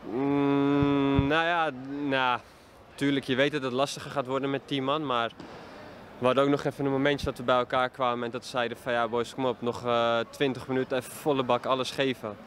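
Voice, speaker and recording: A young man in his twenties, a football player answering post-match questions with many pauses and fillers, speaking into a handheld mic outdoors at a stadium. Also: medium pitch, flat delivery, fairly bright tone. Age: 20s. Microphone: handheld reporter mic held up to him. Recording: faint outdoor noise.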